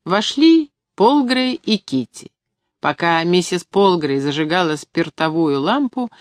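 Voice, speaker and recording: Calm woman reading a novel aloud. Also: fairly low pitch, dry recording, clean studio sound. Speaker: audiobook reader. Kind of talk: scripted narration.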